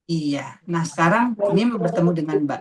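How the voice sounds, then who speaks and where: A woman teaching a tajwid class, patiently asking students questions and repeating terms slowly. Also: fairly low pitch, lively intonation, noisy background. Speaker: Quran recitation teacher.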